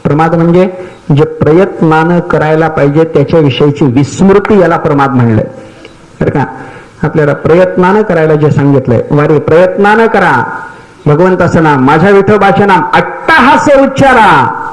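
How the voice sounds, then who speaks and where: A man's voice: fairly high pitch, expressive, moderate pace, rough recording. An older man giving a devotional discourse, explaining terms step by step and telling stories, often asking his listeners if they follow. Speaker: spiritual teacher giving a discourse.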